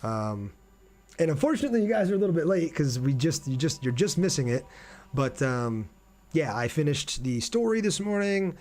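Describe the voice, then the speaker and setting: Very animated and fairly high-pitched, this game streamer talks at a normal speed with a darkish tone. He hosts the livestream casually, reading out viewers' comments and answering them as he plays.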